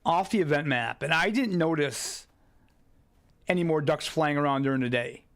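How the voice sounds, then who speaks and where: Muttering asides while he plays, a young man gives relaxed commentary on his live gameplay as a streamer. He speaks at a moderate pace in a voice on the high side.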